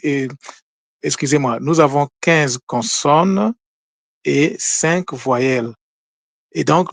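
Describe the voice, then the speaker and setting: A man giving a spoken lesson on word meanings, slow and deliberate, pausing often with fillers. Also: medium pitch, no room sound. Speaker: language teacher.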